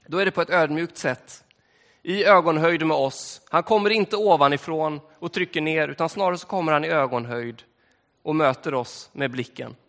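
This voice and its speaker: A man preaching a sermon in a church, telling the story in a relaxed, conversational way with frequent fillers. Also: sits high. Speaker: pastor. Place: church hall. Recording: long hall reverb in church.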